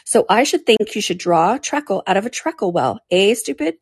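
A woman's voice: mid-range voice, animated, normal speed, breathy edge, dry recording, clean studio sound. A woman voicing a rude, contrary and mournful eccentric man, a hatter, in a storybook.

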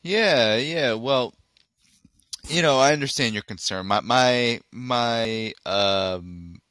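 A man's voice: mid-range voice, slow pace, bright, forceful tone, dry recording, studio quality. A man hosting a call-in podcast, talking casually and thinking aloud with fillers. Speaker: podcast host.

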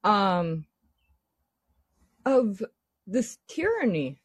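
A woman's voice: medium pitch, very animated, extremely slow, slightly rough, no room sound. A woman chatting casually in an exasperated, sweary ramble, her S sounds lisped and slurred, lips over toothless gums. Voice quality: lisping, slurred S sounds from missing teeth. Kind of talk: casual chat.

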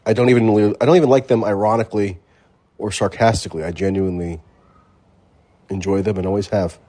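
Low-voiced man rambling wryly. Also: steady tone, quick pace, warm tone. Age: 30s. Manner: rambling, wry, self-mocking. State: recovering from covid, coughing. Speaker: host. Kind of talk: casual call-in podcast chat.

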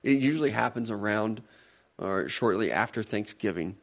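A man's voice: lowish voice, expressive, moderate pace, vocal fry. A man co-hosting a talk show, telling stories casually and bluntly, swearing freely. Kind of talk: casual banter and storytelling.

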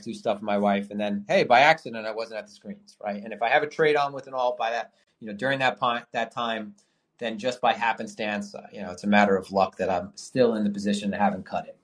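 A man whose voice sits on the low side hosts a live call-in podcast, chatting loosely about trading. He rambles with frequent fillers and restarts, drops casual swear words, and can't shake his hiccups.

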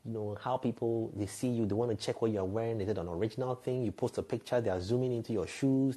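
With a mellow, lowish voice, this Ghanaian radio and TV presenter in his 30s is a frank storyteller on a podcast. His candid, conversational tales are reflective, and he laughs lightly at his own expense.

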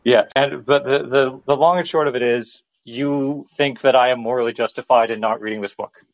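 A man's voice: medium pitch, fairly even intonation, fairly quick. A man calling in to a show, rambling casually with many restarts and fillers. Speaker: caller. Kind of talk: casual call-in chat. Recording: dull lo-fi call line.

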